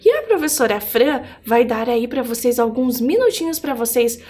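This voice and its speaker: A woman with a Brazilian accent and a high-pitched voice leads a video lesson for young children. She has the cheerful manner of a kids show host, often turning to her listeners with little questions as she explains. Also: big pitch swings, moderate pace, warm tone. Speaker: primary school geography teacher.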